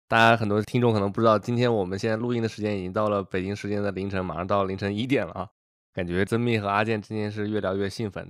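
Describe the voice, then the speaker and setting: A man hosting a podcast, wrapping up with brisk, announcer-like delivery of notices and sign-offs. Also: on the low side, no echo, clean studio sound. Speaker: podcast host. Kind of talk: podcast sign-off and scripted disclaimer.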